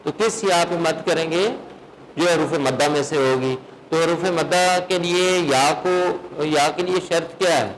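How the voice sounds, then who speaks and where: Guy teaching a recitation class, quizzes students, kinda high voice, faint hiss behind. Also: rough recording. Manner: questions students, then chants verses in slow melodic recitation. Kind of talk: classroom lesson.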